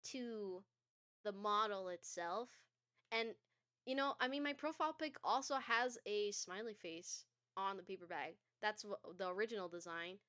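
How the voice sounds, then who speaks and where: A woman's voice: medium pitch, pushed and bright, no echo, studio quality. A young adult woman streaming from her bedroom, chatting casually and scattered, laughing often. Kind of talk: casual live-stream chat. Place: home bedroom.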